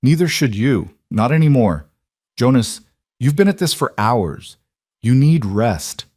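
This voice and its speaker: A man's voice: medium pitch, sing-song, a little slow, a little mellow, slightly rough, no room sound, clean studio sound. A man voicing a brave young pregnant wife, urgent and pleading with her husband.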